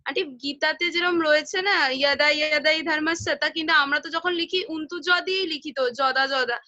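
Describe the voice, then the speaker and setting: A woman's voice: high-pitched, steady tone, fast talker, sharp tone, dry recording, lo-fi sound. A teenage girl student asking her teacher a question in class, hesitant and full of fillers. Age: teens.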